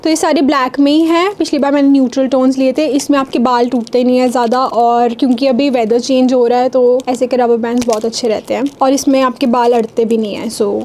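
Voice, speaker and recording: Young Indian woman vlogger, high voice, fast chatty haul talk. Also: steady tone, a little mellow. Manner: chatty, fast, mixing Hindi and English. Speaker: fashion vlogger. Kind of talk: try-on haul chat.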